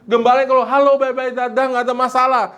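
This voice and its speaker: Male pastor, lively sermon delivery, slips into English phrases, calls out to his congregation, acts out scenes mid-sermon. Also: very high-pitched, quick pace. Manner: animated, acts out scenes like shouting for a medic. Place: church hall. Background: congregation responding.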